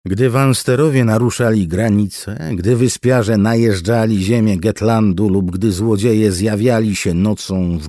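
A man giving expressive, scripted audiobook narration. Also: low voice, slightly rough, no room sound, studio quality. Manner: expressive storytelling with wide swings.

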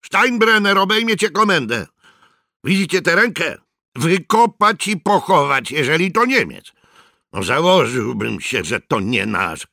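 Mężczyzna czyta, grając zgorzkniałego, pogardliwego sierżanta, który burczy pod nosem i wykrzykuje rozkazy. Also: male voice, deep voice, big pitch swings, unhurried, gravelly, bright, forceful tone, husky, dry recording, clean studio sound, pitched above the performer's own voice, exaggerated voice. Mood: barking orders. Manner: grumbling, scornful. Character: bitter resentful male sergeant, sneering.

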